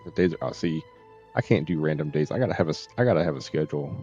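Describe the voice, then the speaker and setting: With a very deep, mellow voice, this middle-aged man races along with lively intonation while live streaming a game. He chats casually in an easygoing, rambling way over faint game music, and the audio sounds dull and slightly muffled.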